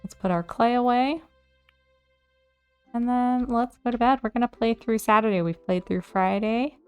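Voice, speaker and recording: A woman hosting a let's play, chatting casually to herself as she plays, and easily excited. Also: a little high, moderate pace, clean tone, faint music behind. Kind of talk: casual gameplay commentary.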